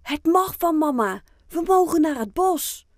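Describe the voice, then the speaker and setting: A woman voicing an excitable, stubborn young penguin boy in a children's audiobook, with an eager, proud way of talking. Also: high voice, slow, no echo, clean studio sound, pitched above the performer's own voice, full character voice. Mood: excited.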